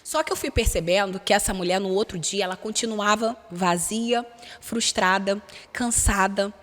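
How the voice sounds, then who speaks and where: A woman's voice: mid-range voice, normal speed, fairly bright tone, long reverb tail. A Brazilian woman, a relationship mentor, talking frankly and expressively as a podcast guest and acting out quoted voices. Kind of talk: candid podcast interview talk. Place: recording studio.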